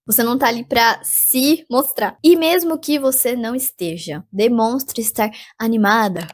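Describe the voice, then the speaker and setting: A young Brazilian woman with a Brazilian Portuguese accent, chatting casually through advice in a vlog, animated and full of fillers. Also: fairly high pitch, breathy edge. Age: young adult. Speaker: vlogger giving job interview advice.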